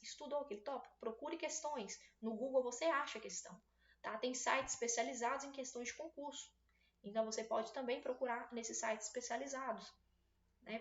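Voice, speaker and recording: Chatty Brazilian woman teaching in an echoey room. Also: a little high. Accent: Brazilian Portuguese. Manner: chatty, encouraging, frequent tag questions. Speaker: Portuguese language teacher. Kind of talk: exam-prep lesson. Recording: roomy, slightly dull sound.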